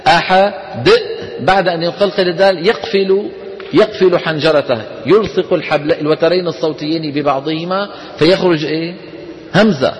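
A man teaching a class. He explains step by step, poses questions and answers them himself. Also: a little high. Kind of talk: classroom lesson. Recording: long hall reverb.

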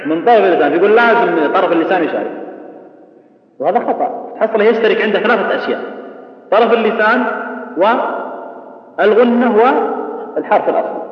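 Male tajweed teacher, quizzing the class and drawing out examples, slightly high voice, mic off at a distance in a big reverberant hall. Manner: asks the class questions and answers them himself, drawing out example words slowly. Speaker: Quran recitation teacher. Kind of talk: tajweed lesson explaining and demonstrating pronunciation. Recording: distant, echoey hall, dull sound.

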